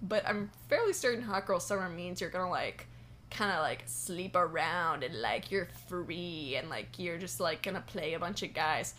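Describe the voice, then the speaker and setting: A woman's voice: fairly low pitch, animated, normal speed, a bit bright, a little hiss or hum. A woman co-hosting a podcast, talking casually with many fillers and dry teasing. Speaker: podcast co-host. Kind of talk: casual chat.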